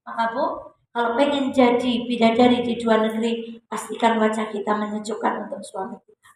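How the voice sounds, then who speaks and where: Woman preacher, Javanese accent, lively sermon, high voice, very echoey hall with faint hiss. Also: normal speed. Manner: lively, acts out wife and husband voices. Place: women's study gathering in a hall.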